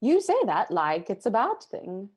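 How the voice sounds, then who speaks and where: A woman's voice: medium pitch, wildly swooping pitch, measured pace, darkish tone, slightly rough, heavily acted. Woman playing a hesitant polite housekeeper. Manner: hesitant, full of ums, politely formal.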